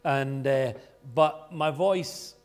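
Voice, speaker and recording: A Scottish man giving an informal sermon as a guest speaker, loud, chatty and self-deprecating as he tells stories from his own life. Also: a little high, drawn-out words. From Scotland. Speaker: guest speaker at a church gathering.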